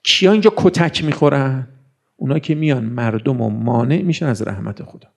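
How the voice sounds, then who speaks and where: A man's voice: medium pitch, animated, creaky. A man preaching a sermon in a conversational way, acting out little dialogues as he goes.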